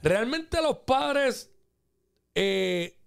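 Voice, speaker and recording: Guy co-hosting, high bright voice that jumps all over, nosy and playful. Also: sing-song, extremely slow, creaky, smooth. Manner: curious, questioning and playful. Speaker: podcast co-host. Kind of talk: casual chat.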